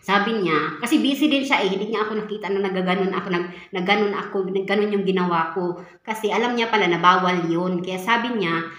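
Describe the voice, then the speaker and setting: A young woman from the Philippines who works as a caretaker talks in a relaxed vlog. She is chatty, stops for fillers and keeps speaking to her viewers. Her voice sits at an average pitch and rings in an echoey room. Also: brisk. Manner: chatty, many fillers, often addresses viewers. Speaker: caretaker for an elderly woman in Taiwan. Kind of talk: casual storytelling vlog.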